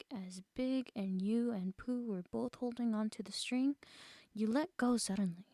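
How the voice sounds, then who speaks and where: A woman streamer reading a bedtime story aloud in a gentle storytelling manner. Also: medium pitch, creaky, no echo, clean studio sound.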